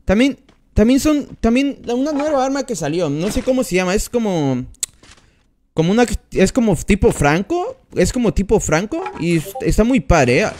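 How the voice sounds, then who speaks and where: A man's voice: sits high, sing-song, normal speed, darkish tone, a little hiss or hum. A man commenting on his mobile gameplay during a live stream, chatting and greeting each viewer by name as he plays. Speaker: gaming streamer.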